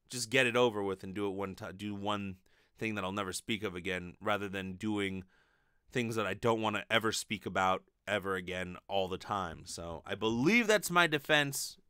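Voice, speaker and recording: This late-20s comedy podcast host has a lowish, clear, resonant voice and rambles through listener mail in a casual, foul-mouthed, animated monologue. A close condenser mic with a pop filter on his desk in a small bedroom captures clean audio with no echo.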